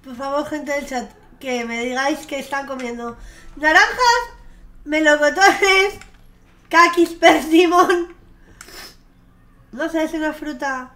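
Her voice sits high and bright, holding a steady tone at normal speed with few pauses. This young streamer keeps up chatty commentary on her game, dropping casual swears and squealing with gushing delight over faint game music.

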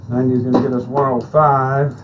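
A man's voice: mid-range voice, little pitch movement, fast. A man talking like a craps table caller, calling rolls and narrating bets in terse, clipped phrases. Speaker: craps player calling his own practice rolls. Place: indoors at a home craps table. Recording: dull lo-fi sound, clear background noise.

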